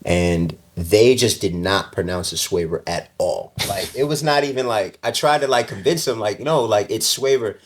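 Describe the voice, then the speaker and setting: Deep-voiced man telling stories, full of fillers. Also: moderate pace, few pauses. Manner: relaxed storytelling, many "like" fillers, laughs often. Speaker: fashion designer guest. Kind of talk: casual interview chat.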